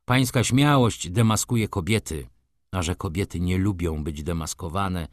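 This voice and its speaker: A man's voice: sits low, dry recording, clean studio sound. A man voicing a grave, hollow-voiced merchant. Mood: cold. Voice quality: hollow, muted voice. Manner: slow, measured, coldly formal. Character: grave determined male merchant, middle-aged. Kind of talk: audiobook character reading.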